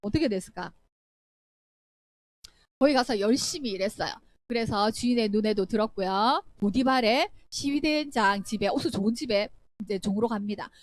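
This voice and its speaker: A woman's voice: medium pitch, moderate pace, dry recording. A young woman telling a Bible story to children as a Sunday school teacher, acting out voices and asking questions. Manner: animated, acts out voices, asks children questions.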